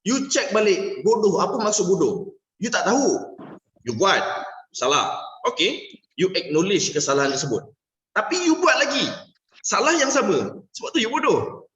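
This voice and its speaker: A business sales coach with a Malaysian accent leads a live workshop class, switching between Malay and English and checking in with "alright?" after nearly every point. His high voice swings widely in pitch at a moderate pace with a bit of brightness, as he playfully acts out little dialogues. The recording has an echoey room and dull lo-fi sound.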